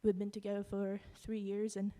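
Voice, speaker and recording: Halting young woman. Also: medium pitch, monotone, dark tone. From Russia. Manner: halting, with many fillers. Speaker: singer-songwriter performing. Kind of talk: live stage remarks between songs. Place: live event in a hall. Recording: long hall reverb with guitar behind.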